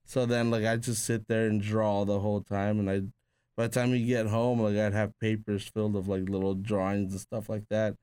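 Born in Peru, this tattoo artist guest speaks in a lowish, warm, level voice at an ordinary speed, recorded cleanly with no echo. He tells casual, rambling stories, leaning heavily on "like" and often starting over.

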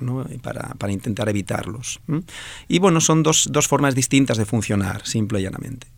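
There's vocal fry in this fairly low male voice, captured in a dry recording. The speaker, a professor in his forties from Alicante whose first language is Valencian/Catalan, answers interview questions with a Spanish accent from Spain, pausing thoughtfully and hesitating a lot.

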